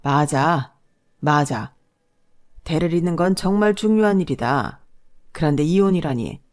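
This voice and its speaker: A woman's voice: deep voice, expressive, unhurried, darkish tone. A woman voicing a stern older father-in-law who lectures his daughter-in-law.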